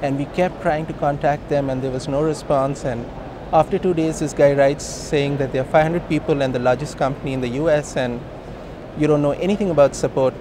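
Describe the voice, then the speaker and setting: Recorded at a noisy, busy hosting industry event with traffic-like background sound, a company co-founder with an Indian accent answers interview questions informally and emphatically. His voice is slightly high, fairly even in intonation and a little fast.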